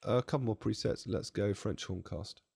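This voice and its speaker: A man demonstrating music software from a home studio, his voice strained and close to giving out, chatty and self-deprecating with jokey asides. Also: on the low side, normal speed, vocal fry, slightly rough. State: strained, nearly losing his voice. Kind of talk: casual product walkthrough.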